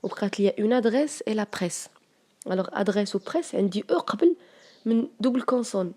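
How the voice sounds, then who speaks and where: A woman teacher with a Moroccan accent, going through French spelling exercises and dictating words slowly. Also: mid-range voice, dark tone.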